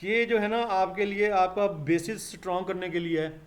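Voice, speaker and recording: A male English teacher with a fairly high voice gives a live online English lesson. He speaks, calls his students "beta" and drills each sound slowly and patiently.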